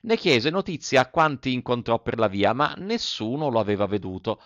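A man's voice: medium pitch, lively intonation, moderate pace, fairly bright tone, no room sound. A man narrating a children's story expressively, speaking directly to the listeners. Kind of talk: scripted narration. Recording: dull, dry recording.

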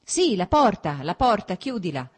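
A woman voicing a fussy, refined intellectual man, the older brother in an audiobook, speaking in quick exclamations. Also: fairly low pitch, sing-song, breathy edge.

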